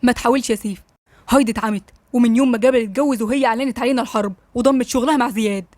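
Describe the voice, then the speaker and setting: A woman's voice: a little high, rapid-fire, a little mellow, no room sound, close to an everyday voice. A woman with an Egyptian accent voicing a worried young businessman, urgent and fretful. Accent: Egyptian Arabic.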